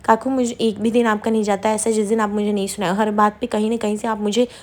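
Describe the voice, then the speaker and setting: A woman's voice: medium pitch, level tone, fast talker, a little mellow, natural voice. A woman voicing a hardworking young wife from a TV serial, fed up and speaking firmly. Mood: exasperated. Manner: exasperated, firm.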